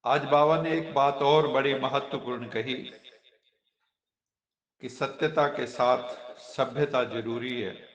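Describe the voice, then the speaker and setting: A man giving a sermon-style commentary on a spiritual lesson, explaining slowly and quoting teachings, dropping in English phrases. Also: mid-range voice, steady tone, echoey room, far from the mic, dull audio.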